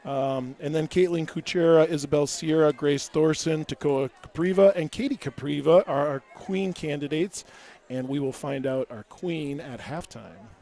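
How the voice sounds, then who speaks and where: A man's voice: a little high, normal speed, warm tone. Scratchy-voiced man calling small-town football. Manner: chatty, folksy, stumbles over words. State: scratchy voice, recovering. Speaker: play-by-play announcer. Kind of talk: local high school football broadcast.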